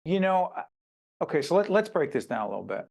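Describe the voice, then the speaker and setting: Speaking with a fairly high, sing-song voice that is fast, slightly mellow, and touched with vocal fry, this host grew up in Newark, New Jersey. He interviews an author, interjecting emphatically and guiding the conversation.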